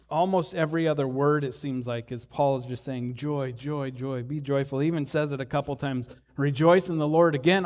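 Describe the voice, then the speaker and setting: A man preaching a sermon in a church, speaking conversationally with rhetorical questions and frequent restarts, at times poking gentle fun at himself. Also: medium pitch. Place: church hall. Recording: long hall reverb.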